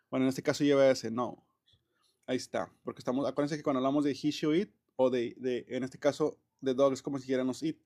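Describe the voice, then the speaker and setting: A man's voice: medium pitch, steady tone, brisk, a little mellow. A man teaching English grammar in a casual, chatty way, full of fillers and restarts. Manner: chatty, many fillers and restarts, laughs often. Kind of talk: casual classroom explanation.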